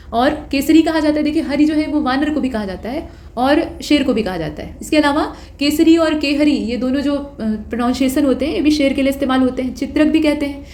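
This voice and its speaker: A woman teaching an exam-prep grammar lesson, reading through word lists at a steady pace and stopping for short corrections. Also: high-pitched.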